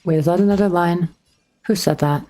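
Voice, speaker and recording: Low-voiced woman streamer chatting casually. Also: a little fast, warm tone. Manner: chatty, a bit awkward, reads and answers chat. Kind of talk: casual livestream chat.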